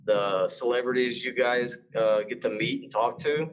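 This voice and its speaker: A man's voice: mid-range voice, normal speed. Rambling male author guest, dull sound. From Mississippi. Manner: rambling, hesitant, many uh's. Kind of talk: casual podcast interview.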